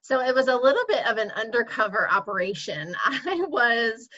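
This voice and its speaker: A woman's voice: on the high side, lively intonation, moderate pace, bright, forceful tone. A woman in her forties, a guest on an interview podcast, talking casually and laughing often. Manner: chatty, laughs often, uses "like" a lot. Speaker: guest, organizing consultant. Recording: dull lo-fi sound.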